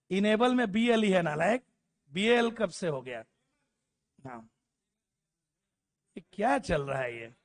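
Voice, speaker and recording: Male classroom grammar teacher, pitched high, unhurried, drills word lists and teases his students. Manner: drills word lists aloud, spells letters out, scolds students jokingly. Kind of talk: classroom lecture.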